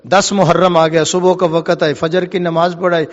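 A fervent male preacher moves between chanted verse and impassioned speech, urging the listeners to call back. His voice sits high. The sound is muffled, with a long reverberant echo from the hall. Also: level tone. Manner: fervent, urges the audience to call out responses. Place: mosque. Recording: dull, reverberant hall recording.

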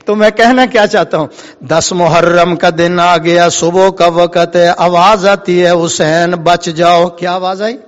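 A fervent male preacher moves between chanted verse and impassioned speech, urging the listeners to call back. His voice sits high. The sound is muffled, with a long reverberant echo from the hall. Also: fairly even intonation. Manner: fervent, urges the audience to call out responses. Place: mosque. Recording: dull, reverberant hall recording.

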